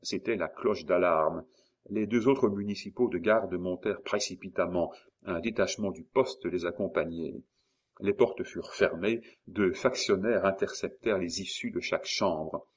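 A man narrating a classic novel as an audiobook, in a measured storytelling manner. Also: low-pitched, breathy edge.

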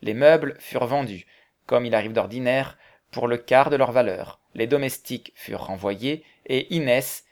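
A man reads a classic novel aloud in a measured, even way. His voice sits at a middling pitch for a man. The delivery is steady and literary, shaped like an audiobook narration.

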